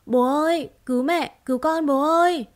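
A woman voicing a frightened little boy who cries and pleads for his parents in a high, wailing voice. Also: moderate pace, lightly acted. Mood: crying for help.

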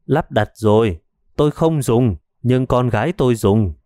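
A man's voice: mid-range voice, unhurried, dark tone, no room sound, clean studio sound, close to an everyday voice. A man voicing a frightened elderly mother who stammers and hesitates, in an audiobook story. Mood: plain.

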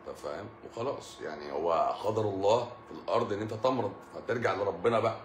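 Chatting with live-stream viewers, a middle-aged Egyptian Arabic-accented doctor fires off jokey stories rapidly, laughing often. His pitch is fairly low. The room sounds echoey, with a little hiss or hum.

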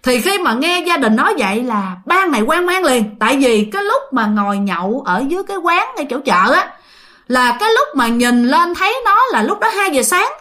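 High-voiced Southern Vietnamese woman telling ghost stories. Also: big pitch swings, brisk, pushed and bright. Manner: chatty, filler-heavy, addresses listeners. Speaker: storyteller. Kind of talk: casual ghost story narration.

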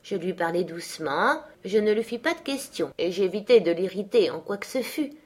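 Woman audiobook narrator, measured and expressive, middle pitch. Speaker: audiobook reader.

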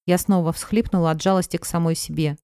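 A woman's voice: lowish voice, fairly even intonation, quick pace, warm tone, clear, resonant tone, no echo, clean studio sound. A woman narrating a first-person audiobook in a conversational storytelling manner.

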